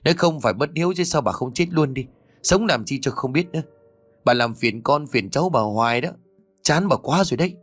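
Angry blunt son, middle-aged man, shouting, lively pitch, dry close sound, read by a narrator. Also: fairly quick, no echo, faint music behind, natural voice.

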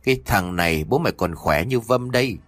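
A man voicing a gruff, stubborn elderly village grandfather in a spoken horror story, talking in a scolding, brusque way. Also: on the low side, lively intonation, brisk, dry recording, studio quality.

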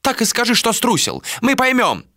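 A man voicing a hoarse, hot-tempered old male elder in an audiobook. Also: sits high, very animated, moderate pace, pushed and bright, no room sound, studio quality, voice pushed up, full character voice. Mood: defiant.

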